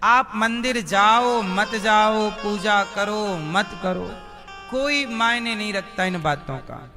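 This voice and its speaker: A man's voice: sits high, takes it slowly. A man preaching a devotional sermon, asking the listeners questions and answering them himself. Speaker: spiritual preacher. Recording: music playing under the voice.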